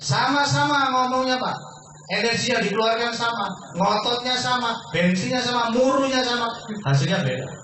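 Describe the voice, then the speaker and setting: A presenter at a sales seminar, high in pitch with an expressive, bright and forceful tone, pushes a business opportunity on his audience, repeatedly saying sir and quizzing them rapidly. His voice reverberates through a large, very echoey hall, captured from a distance with a faint hum underneath.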